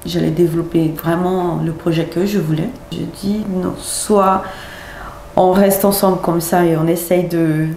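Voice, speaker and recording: Soft-spoken woman in an echoey room. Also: on the low side, fairly even intonation, creaky, slight background noise. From Brazil. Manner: soft-spoken, hesitant, halting. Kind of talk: casual interview.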